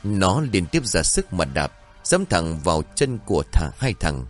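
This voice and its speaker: A man narrating a story in an expressive, dramatic way, with faint music behind. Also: low-pitched, a little slow.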